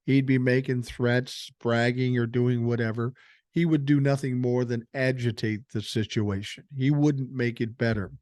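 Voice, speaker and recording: An older man hosts a political podcast, offering blunt, profane opinions and reading news stories aloud. His mid-range, darkish voice has fairly even intonation and a moderate pace. The recording is studio quality with no room sound.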